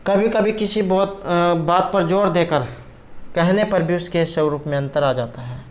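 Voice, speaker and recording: Man, somewhat high voice; methodical exam tutor. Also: a little slow. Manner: methodical, walks through answer options. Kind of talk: explaining exam questions.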